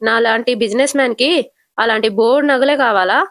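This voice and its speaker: A woman's voice: on the high side, brisk, a bit bright, no room sound, studio quality. A woman voicing a cowardly, whiny grown son who wheedles his mother.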